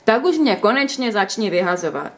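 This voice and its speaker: A woman's voice: mid-range voice, big pitch swings. Casting: cheeky storybook lad, read by a woman, teasing and playful. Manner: teasing, mock-gallant, playful. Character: teasing, cheeky young man, the story's first-person hero. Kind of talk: storybook reading.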